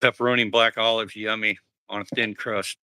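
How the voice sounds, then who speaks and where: Casting: easygoing man, very bright sharp tone, close and dry. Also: lowish voice, level tone, brisk, clear, resonant tone, no room sound. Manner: easygoing, chatty.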